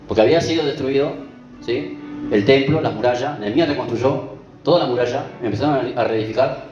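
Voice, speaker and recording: Speaking a little fast at medium pitch, a man gives a conversational sermon in a church, checking on the congregation with frequent "¿vio?" and "¿sí?". The highs are cut off, and the echoey room has music behind.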